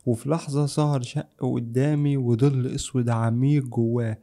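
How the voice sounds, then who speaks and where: Very dark-voiced male horror narrator. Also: medium pitch, level tone, normal speed. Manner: tense, suspenseful storytelling. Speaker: horror storyteller. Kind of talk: scripted first-person horror narration.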